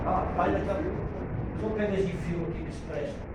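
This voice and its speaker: A man, a pastor preaching an animated storytelling sermon to his congregation on a handheld microphone. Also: high voice, a little fast, heavy background noise. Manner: animated, addresses congregation as brothers. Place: church hall. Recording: echoey church room from far off, faint music.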